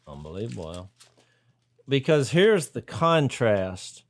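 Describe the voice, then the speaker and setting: A man's voice: medium pitch, big pitch swings, takes it slowly, no room sound. Man dramatizing quotes in dry close sound. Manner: thinks aloud, acts out quoted lines with sudden loud jumps. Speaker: podcast co-host. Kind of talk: casual Bible discussion.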